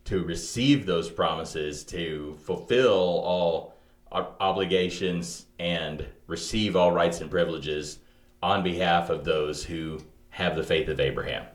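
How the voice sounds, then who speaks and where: Low-voiced man in an echoey room. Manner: animated, thinking aloud with many restarts. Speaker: podcast co-host. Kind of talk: theological conversation.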